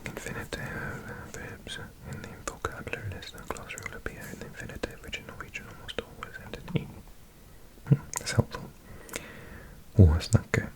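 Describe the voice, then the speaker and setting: A man whispering softly in a slow ASMR study session, thinking aloud close to the microphone as he sounds out words. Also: a bass voice. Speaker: ASMR creator.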